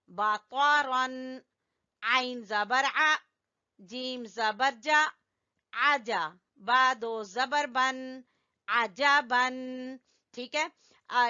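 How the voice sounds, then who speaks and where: Bright, clear-voiced woman teaching recitation. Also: high voice, muffled recording. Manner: spells out letters and vowel marks patiently, repeating; corrects learners gently. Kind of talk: slow drilling lesson with call-and-response.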